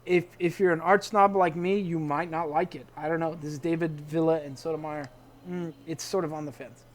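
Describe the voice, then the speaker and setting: A man's voice: on the high side, fairly even intonation, brisk. A man hosting casual weekly comic reviews, chatty and hesitant, restarting sentences and calling out emphatic verdicts. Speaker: comic shop review show host.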